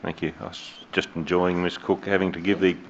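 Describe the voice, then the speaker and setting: Chairing a council meeting as mayor in the council chamber, a man with an Australian accent speaks in a low-pitched, level tone. He is measured and hesitant, using many fillers, and the room audio is dull and lo-fi.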